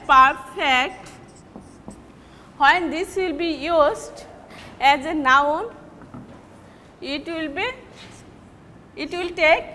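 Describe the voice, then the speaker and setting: A woman with a Bangladeshi accent lectures slowly and deliberately, modeling each example word more than once. Her voice sits high and sounds bright. The recording carries a long room echo and faint background noise. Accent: Bangladeshi English. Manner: measured, repeats example words slowly to demonstrate. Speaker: English teacher. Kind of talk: classroom lecture on word stress.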